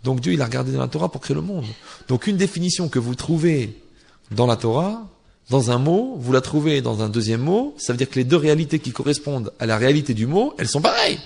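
Gravelly, husky French Torah teacher. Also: male voice, medium pitch. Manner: joking, teasing tone with listeners. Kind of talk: Torah class to a live audience.

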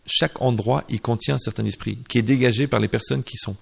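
Gravelly animated French rabbi-style teacher. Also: male voice, mid-range voice, fast talker. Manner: animated, acts out little dialogues, slips in Hebrew terms. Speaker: religious teacher. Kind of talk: informal Torah lesson.

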